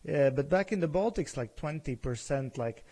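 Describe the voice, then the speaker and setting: A man's voice: a little high, expressive, normal speed, dark tone. A man co-hosting a podcast, asking questions in a hesitant way as he searches for words. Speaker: podcast co-host. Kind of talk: casual chat.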